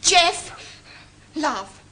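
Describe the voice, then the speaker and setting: A man voicing a tactless young ex-girlfriend in a high falsetto, on a noisy old tape. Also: very animated, drawn-out words, heavily acted. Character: shrill ex-girlfriend, blunt young woman.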